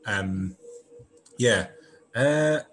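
A man's voice: medium pitch, animated, drawn-out words, fairly bright tone, slight background noise. A man hosting a podcast who chats casually and hesitantly, often repeating himself. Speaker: podcast host. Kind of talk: casual chat.

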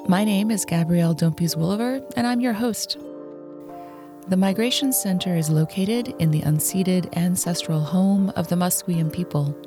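Woman host, scripted podcast narration, low voice over a music bed. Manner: measured, read from script. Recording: music playing underneath.

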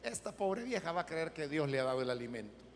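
Preacher voicing a mocking unbelieving man, sneering, gravelly, reverberant hall. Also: on the high side, very animated, fast, a little hiss or hum, voice pushed down. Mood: scheming. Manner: scornful, sneering. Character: mocking atheist man, a scoffer.

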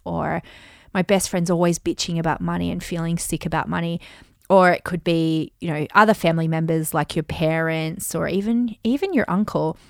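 A woman's voice: fairly low pitch, gravelly, dry recording, clean studio sound. Chatty woman giving advice. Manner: chatty, animated, oversharing with many fillers. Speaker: business and money coach. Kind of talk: casual advice talk.

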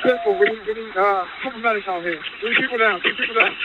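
A man's voice: high voice, fast. A man, a police officer in the field, heard over a police radio with terse, urgent, repeated callouts. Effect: police radio transmission. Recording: tinny radio with static, from off the mic.

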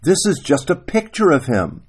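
A man's voice: fairly low pitch, big pitch swings, slow, a little mellow, slightly rough, full character voice. A man voicing a desperate tattooed working man who pleads in anguish, with rural grammar, in a sermon story.

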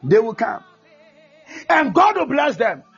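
A man preaching a fervent sermon, often shouting and mixing English with Twi. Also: extremely high pitch, big pitch swings, takes it slowly, vocal fry, breathy edge. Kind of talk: sermon with prayer. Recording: dull lo-fi recording with faint music.

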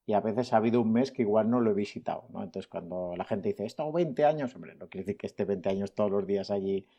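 A man's voice: fairly low pitch, steady tone, fast talker, mellow, highs cut off. A man being interviewed as a nature photographer, talking in a chatty, good-humoured way. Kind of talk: casual interview.

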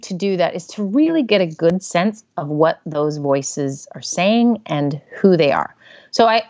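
Animated woman therapist, lower voice. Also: dry recording, lo-fi sound. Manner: animated, acts out inner voices in quotes. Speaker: therapist, podcast guest. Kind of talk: casual interview talk.

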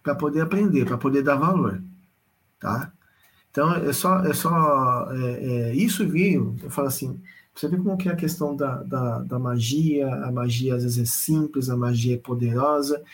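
Man telling his own story: animated, repetitive, casual. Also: medium pitch, normal speed, rough recording. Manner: animated, repetitive, addresses listeners directly. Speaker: storyteller sharing a personal spiritual experience. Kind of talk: casual spoken testimony.

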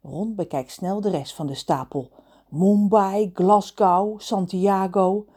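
A woman narrating a children's story aloud in an expressive, lively reading style. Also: medium pitch, slow, breathy edge. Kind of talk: audiobook storytelling.

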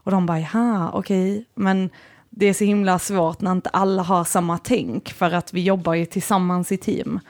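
A woman's voice: on the low side, flat delivery, darkish tone. A woman in casual chat, talking earnestly and reflectively about work. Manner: earnest, reflective, many fillers.

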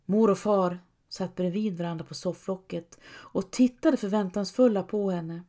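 Calm woman narrating an audiobook. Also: medium pitch. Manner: calm, measured storytelling.

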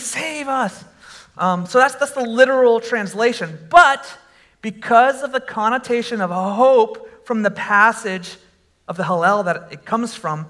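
A pastor preaches a sermon to his congregation in a conversational way, full of fillers, and breaks into animated shouts whenever he exclaims. His voice sits high.

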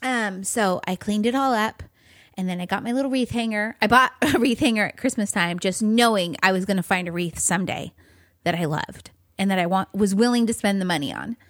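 A woman's voice: medium pitch, fairly quick, no echo. Woman, bubbly and gushing, casual co-host chat, emphatic repeats, mid-range voice, dry recording. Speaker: podcast co-host.

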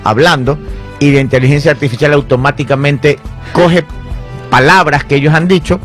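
A man hosting a casual gossip segment, animated and often mimicking what people say. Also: fairly high pitch, normal speed, soft background music. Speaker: host. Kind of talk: casual gossip and news chat.

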